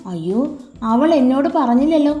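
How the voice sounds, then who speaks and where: A doting elderly mother, fussy and tearful, who scolds affectionately, as a woman narrator puts her on. Her voice sits a little high and mellow. The recording is roomy, with faint music underneath. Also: expressive, a little fast. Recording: echoey room with soft music.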